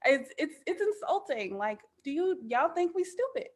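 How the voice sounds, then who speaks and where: A woman in her thirties, a podcast guest, talking in an animated, emphatic casual way with lots of "like". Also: high voice, moderate pace. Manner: animated, emphatic, frequent "like" fillers. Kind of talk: casual chat.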